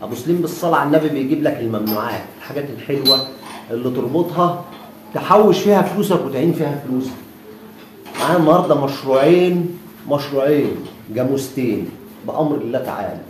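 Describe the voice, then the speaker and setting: A man's voice: medium pitch, animated, fast talker. A man with an Egyptian Arabic accent hawking cattle as a livestock seller, walking viewers through animals with repeated blessings. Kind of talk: sales walkthrough. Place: outdoor cattle pen. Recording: echoey, distant, noisy.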